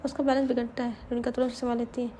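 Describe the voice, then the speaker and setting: A woman's voice: on the high side, little pitch movement, rapid-fire, warm tone, slight background noise. A woman with a Hindi accent narrating an emotional story, with frequent restarts and asides.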